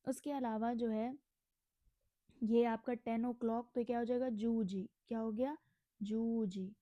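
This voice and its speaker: Slightly high and steady, with a mellow quality and no echo, this voice belongs to a young woman from India. She runs an informal language lesson, slowly repeating every word and answering her own questions.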